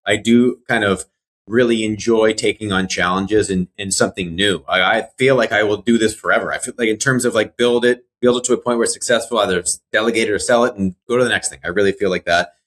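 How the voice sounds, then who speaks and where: A man's voice: lowish voice, quick pace, fairly bright tone. A man in his forties, a guest in an interview, talking in an earnest, reflective way and repeating words as he thinks. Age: 40s. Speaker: mortgage broker guest. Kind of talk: casual interview.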